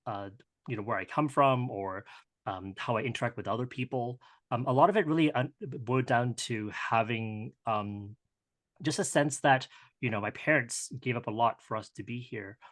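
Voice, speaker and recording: A man in his thirties talks casually as an interview guest. His voice sits in a middle pitch, and he often restarts and circles back as he speaks. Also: a bit bright. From Hong Kong, raised in Canada. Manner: conversational, halting with many restarts and fillers. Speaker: guest entrepreneur.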